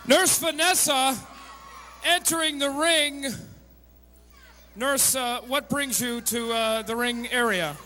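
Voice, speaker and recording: A man's voice: extremely high pitch, slow, pauses often, bright, forceful tone, shouting. A man working as a ring interviewer, announcing ringside at a wrestling show. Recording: music and crowd behind.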